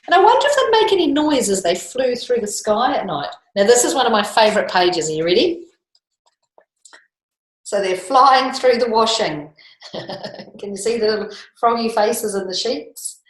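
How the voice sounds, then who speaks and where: This New Zealand-accented teacher has a fairly high voice and speaks at normal speed as she reads a picture book to children. She's playful and animated, often chuckling and posing questions to them, in an echoey, roomy home-style recording.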